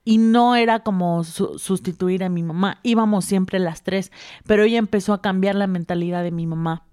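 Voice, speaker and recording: A young woman with a Mexican accent, co-hosting a casual podcast chat and telling a personal story with animated delivery and frequent laughter. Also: medium pitch, moderate pace, dry recording, studio quality. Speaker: podcast co-host.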